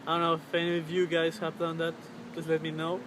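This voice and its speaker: A man in his twenties chatting casually to camera in a hesitant, halting way, searching for his words. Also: fairly high pitch, monotone. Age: 20s. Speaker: vlogger. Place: outdoors on a riverbank under a road bridge. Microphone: camera's built-in mic at arm's length. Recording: clear outdoor traffic and ambient noise.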